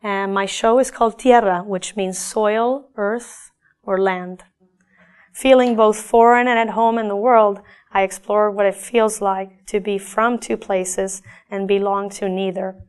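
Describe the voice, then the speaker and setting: A middle-aged woman artist from Argentina, talking about her own paintings in a thoughtful, halting way with frequent restarts. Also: medium pitch, steady tone, clear, resonant tone.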